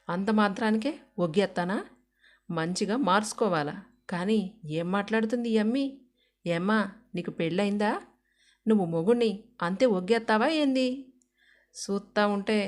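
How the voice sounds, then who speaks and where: A blunt, outspoken village wife scolds in plain rustic speech, as a woman narrator puts her on. The storybook reading keeps her close to the reader's own mid-pitched voice. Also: natural voice. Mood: suspicious.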